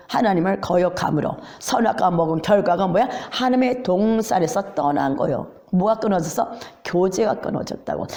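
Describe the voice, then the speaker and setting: A woman's voice: mid-range voice, creaky, dark tone. A woman pastor preaching emotionally, asking the congregation rhetorical questions and dropping into whispers for emphasis. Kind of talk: sermon.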